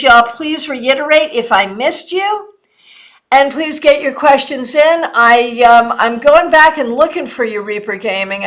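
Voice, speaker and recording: Woman, high voice, hiccuping, chatty live-stream tarot host who keeps saying sorry. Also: fairly bright tone. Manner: apologetic, chatty, quick answers to viewers. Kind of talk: casual live-stream readings.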